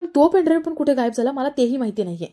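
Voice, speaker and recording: A woman's voice: sits high, lively intonation, very fast, warm tone, voice pushed up. A woman voicing a determined young wife who keeps pressing with questions, read aloud as a serial recap. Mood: earnest.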